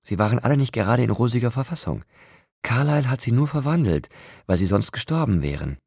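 A man reading an audiobook, voicing a frail young woman who answers quietly and stubbornly. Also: mid-range voice, expressive, fast, vocal fry, breathy edge, no room sound, studio quality, voice pushed up.

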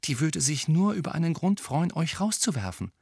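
A man's voice: a little high, sing-song, normal speed, gravelly, darkish tone, slightly rough, dry recording, clean studio sound, voice pushed up, exaggerated voice. A man voicing an anxious, rule-abiding teenage schoolgirl in an audiobook. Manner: nervous, worried.

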